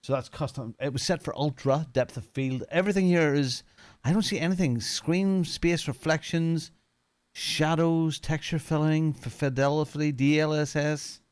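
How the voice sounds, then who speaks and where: A man in his fifties from Northern Ireland, with a Northern Irish accent, speaks at a moderate pace in a fairly high, clean voice. He's a sim racing streamer and community head, sharing casual, unscripted first impressions of a racing game in a chatty, informal way.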